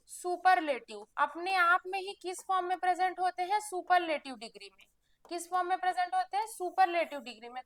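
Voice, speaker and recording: A woman's voice: very high voice, fairly bright tone. A woman teaching English grammar for exam prep, explaining step by step and answering her own questions.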